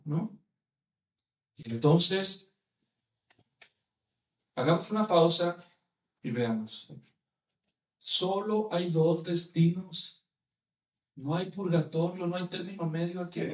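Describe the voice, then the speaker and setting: Male preacher, high-pitched, animated and questioning, distant echoey sound. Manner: animated, asks the listeners many rhetorical questions. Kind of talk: sermon.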